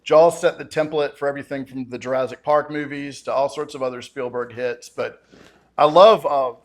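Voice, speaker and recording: Talkative man, mid-pitched, casual podcast guest telling stories with enthusiasm. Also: steady tone, normal speed. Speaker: podcast guest, film critic.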